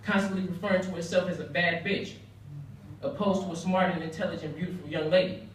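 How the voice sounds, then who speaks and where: An earnest young American man gives a prepared speech in a very echoey room, picked up from a distance. His voice sits a little high, and he speaks emphatically, repeating phrases for effect. There is faint noise behind him. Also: fairly even intonation, fast talker. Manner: earnest, emphatic, with rhetorical repetition. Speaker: speaker at a banquet. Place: indoor banquet room, heard from far off.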